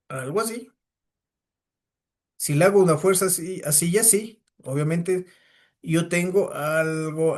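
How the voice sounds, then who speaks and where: A man's voice: fairly high pitch, creaky. A man teaching a physics class, lecturing and firing questions at his students. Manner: asks the class many rhetorical questions.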